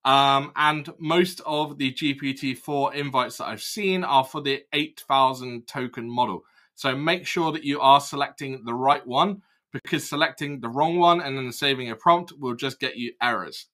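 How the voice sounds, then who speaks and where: A young man casually walking through a software demo, explaining each step as he clicks. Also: medium pitch. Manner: casual, explanatory, thinks aloud while clicking. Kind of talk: screen-recorded product walkthrough.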